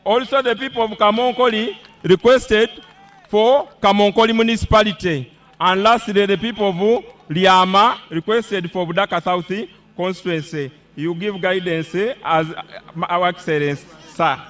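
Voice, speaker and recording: Ugandan guy with a high voice doing a formal respectful speech at a rally, kinda halting. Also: fairly even intonation, a bit bright. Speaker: local political leader addressing the president. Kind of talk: formal public address at a political rally. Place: public rally, speaking through a microphone.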